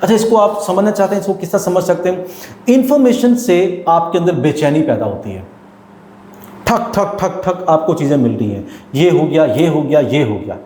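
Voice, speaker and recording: A man's voice: fairly high pitch, lively intonation, darkish tone, reverberant, a little hiss or hum. A man, a teacher, telling stories and explaining his views earnestly in an interview, mixing in English terms. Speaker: teacher and guest. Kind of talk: storytelling in an interview.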